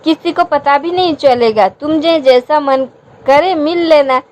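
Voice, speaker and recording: Female narrator doing a playful, teasing young husband; storybook read, high pitch. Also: unhurried, darkish tone.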